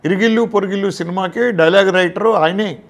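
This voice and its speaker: Gravelly older Telugu man recalling films. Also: sits high, fairly quick. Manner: storytelling, acts out past conversations. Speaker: film director, interview guest. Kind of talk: reminiscing interview talk.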